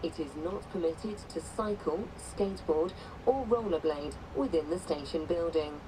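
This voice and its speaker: A woman making a formal safety announcement over a station loudspeaker, heard from a distance. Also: fairly low pitch. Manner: formal, measured public-address delivery. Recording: distant loudspeaker over clear game noise.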